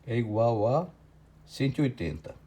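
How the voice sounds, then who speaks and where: Speaking at normal speed in a medium-pitched, dark-toned voice with a sing-song lilt, a Brazilian Portuguese-accented man gives an online physics lecture. He solves a problem one step at a time and keeps asking "certo?".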